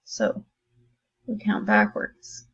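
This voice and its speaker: A woman's voice: very slow, muffled recording. A woman teacher talking her class through a math lesson in a recorded distance-learning video, chatty and encouraging, thinking aloud as she writes.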